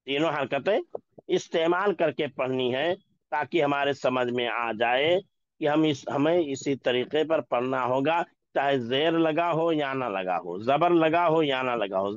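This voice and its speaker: A man teaching an Urdu lesson, sounding out each word slowly and asking questions to check that his students follow. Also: fairly high pitch, dry recording, lo-fi sound. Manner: slow, repeats each word and asks questions. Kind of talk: classroom lesson.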